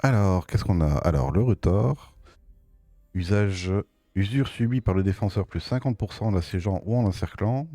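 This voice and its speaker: Man, Belgian French accent, low relaxed voice, dry sound, casual hesitant gameplay commentary. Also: moderate pace, no room sound, faint music behind. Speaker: game streamer.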